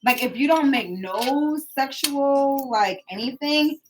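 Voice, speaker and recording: A woman's voice: high-pitched, slow pace, slight background noise, low-quality recording. A woman co-hosting a casual podcast chat, blunt and sassy, laughing often. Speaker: podcast co-host.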